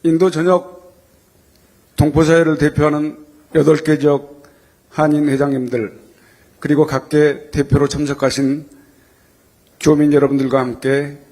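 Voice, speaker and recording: A man's voice: on the high side, mellow. A man delivering a formal prepared welcome address as a community association president, in an earnest, deferential and ceremonial manner.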